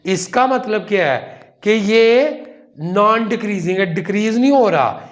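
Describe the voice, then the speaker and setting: A man teaching a math lesson, slowly asking and answering his own questions and calling his students "children". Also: sits high, expressive. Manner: slow, explains step by step, asks and answers his own questions; calls students "children" and "son". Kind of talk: whiteboard lecture.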